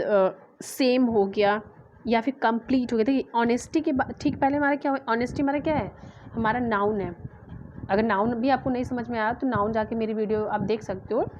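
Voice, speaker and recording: A young woman teaching English grammar, explaining in Hindi and reading English examples slowly with strong emphasis. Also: fairly high pitch, a little mellow, lo-fi sound, a little hiss or hum. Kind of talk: classroom grammar lesson.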